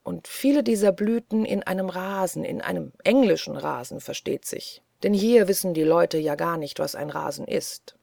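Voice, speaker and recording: A woman reading the lines of an old, fussy British colonel in an audiobook, earnest and softly pleading. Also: fairly low pitch, moderate pace, creaky, few pauses, no room sound, studio quality. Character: elderly male British colonel, gentle, fussy.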